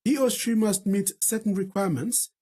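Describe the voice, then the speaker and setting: A man reading the evening news in a measured, formal way. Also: high-pitched, warm tone, husky. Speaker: news presenter.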